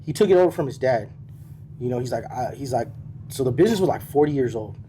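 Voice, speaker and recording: A man, a podcast guest telling his franchise story in a casual, profane, animated way and acting out the people he quotes. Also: mid-range voice, fast talker, a little hiss or hum.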